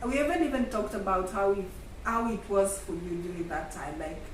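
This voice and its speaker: A woman's voice: mid-range voice, animated, a little fast, roomy sound. Woman, Kenyan accent, vlog host, conversational, distant mic, faint background noise. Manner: conversational, addresses viewers as "guys". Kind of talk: casual sit-down chat.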